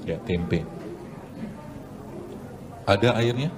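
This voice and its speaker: A man's voice: lowish voice, extremely slow, noisy background. A man, a doctor giving an informal health talk with a cooking demonstration, chatty and joking with the audience.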